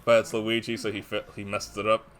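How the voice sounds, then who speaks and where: A man's voice: lowish voice, completely flat delivery, fairly quick, fairly bright tone, a little hiss or hum. A man casually commenting on a video game with friends, joking and rambling with restarts. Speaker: let's play commentator.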